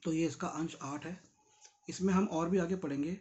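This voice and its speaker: A man's voice: on the high side, fairly even intonation, normal speed, darkish tone, muffled recording. Tired man explaining. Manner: conversational, explains terms, asks listeners directly. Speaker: reader and explainer of a Buddhist book. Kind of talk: casual spoken commentary on a read text.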